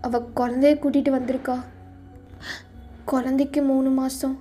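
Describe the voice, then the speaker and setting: A woman's voice: high-pitched, little pitch movement, normal speed, lightly acted. Woman voicing a caring pleading younger sister. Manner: comforting, pleading. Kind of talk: fan audio drama. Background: soft music.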